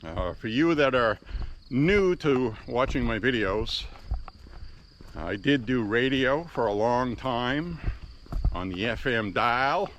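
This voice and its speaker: A former radio host walks along a quiet country road, vlogging in a slow, deliberate manner shaped by his radio training. His mid-range voice is animated and a bit bright. The Bluetooth earpiece recording cuts off the highs and carries a little hiss or hum, with faint crickets and insects outdoors.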